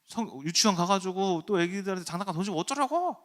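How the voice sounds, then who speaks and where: A man's voice: high-pitched, expressive, fast talker, pitched above the performer's own voice. A man imitating his young wife as she scolds him sharply in a raised voice. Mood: scolding. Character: annoyed young wife scolding her husband.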